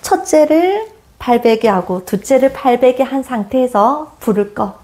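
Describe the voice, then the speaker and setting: Lively, animated woman in her forties. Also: high-pitched, measured pace. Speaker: parenting educator. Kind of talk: casual parenting talk with her husband.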